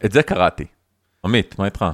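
A man co-hosting a casual podcast chat, talking in a wry, deliberate way. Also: fairly low pitch, big pitch swings, no echo, clean studio sound. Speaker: podcast co-host.

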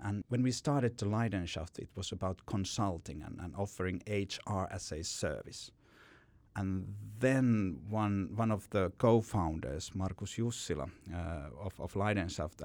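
A Finnish company founder tells his story in a podcast interview answer, rambling and often repeating words as he goes. His voice is deep and a little mellow, with no room sound.

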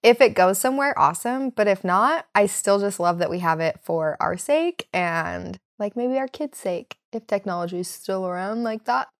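A woman's voice: medium pitch, expressive, moderate pace, few pauses. A young woman co-hosting a podcast in casual chat, with an informal, giggly manner. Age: young adult. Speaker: podcast co-host. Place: home basement.

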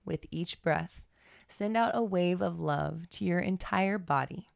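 A woman reading a guided meditation in a slow, soothing, measured manner. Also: fairly low pitch, vocal fry, no echo, studio quality. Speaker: podcast guest reading aloud.

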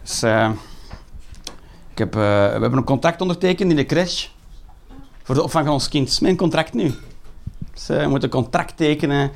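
A man's voice: fairly high pitch, a little fast, gravelly, long pauses. A Flemish man in his thirties doing a sarcastic, swearing stand-up rant. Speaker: stand-up comedian.

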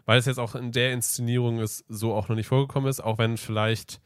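A man's voice: mid-range voice, little pitch movement, quick pace, clear, resonant tone, dry recording, studio quality. A man as a guest on a podcast in casual chat, hesitant, trailing off with fillers.

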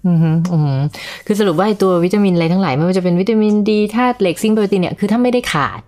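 A woman hosting a podcast, lively and exclamatory as she interviews a doctor. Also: mid-range voice, very fast. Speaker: podcast host.

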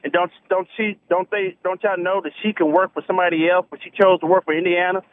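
A man's voice: high-pitched, fairly even intonation, fast, no room sound. A man calling in to a radio show over the phone, speaking earnestly with many restarts. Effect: call-in voice over a phone line. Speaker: radio call-in caller. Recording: tinny, dry phone line.

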